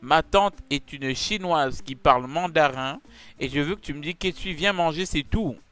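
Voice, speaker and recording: A man hosting a comedy chat, pleading and insistent, swinging from mumbles to shouts. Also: fairly high pitch, moderate pace, soft background music. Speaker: YouTuber host.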